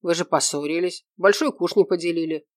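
A woman's voice: fairly low pitch, a little fast, no room sound, close to an everyday voice. A woman voicing a mocking male police investigator in an audiobook, with a dry, teasing delivery.

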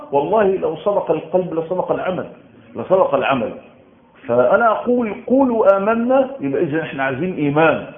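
A man with an Egyptian Arabic accent preaching a Quran commentary, lively and storytelling, acting out the voices in his anecdotes with sudden loud outbursts. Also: high voice. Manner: animated storytelling, acts out quoted voices with sudden loud shouts. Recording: echoey room over a tinny phone-like line.

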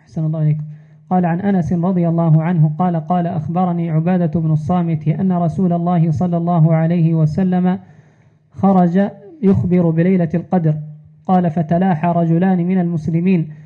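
High, flat-voiced man reading formal text. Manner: measured formal reading, repeats narration formula. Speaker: student reader. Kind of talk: reading classical hadith text aloud. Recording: tinny phone-like sound.

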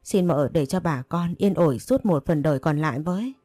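A woman's voice: low-pitched, animated, moderate pace, mellow, no room sound, studio quality. A woman voicing a brash young female servant in a read-aloud story, whiny and insolent. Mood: pleading.

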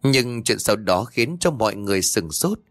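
A man narrating a ghost story in a steady, measured storytelling voice. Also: lowish voice, no room sound, studio quality, soft background music.

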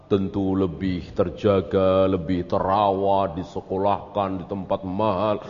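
A man's voice: low voice, flat delivery, a little slow, darkish tone. A man teaching as an Islamic teacher in a religious study lecture, asking rhetorical questions and answering them himself. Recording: echoey hall, dull lo-fi audio.

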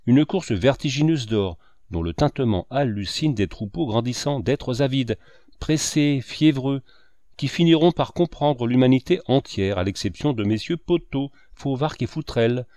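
Sardonic lecturing cynic from an audiobook, lively swooping delivery, dry close sound, read by a man. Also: medium pitch, moderate pace, no room sound, close to an everyday voice. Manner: declamatory, sweeping and sardonic. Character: lecturing older male cynic, sardonic talker.

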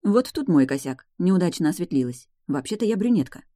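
A woman's voice: lowish voice, sing-song, fairly quick, mellow, dry recording, clean studio sound. A woman narrating a first-person fantasy audiobook in a wry, ironic manner.

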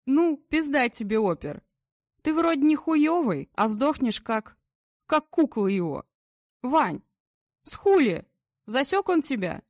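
A woman's voice: sits high, big pitch swings, takes it slowly, no echo, clean studio sound, exaggerated voice. A woman reading an audiobook, voicing a drunk, crude, bullying male police general who slurs and swears. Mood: drunk angry. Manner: slurred, coarse, swearing.

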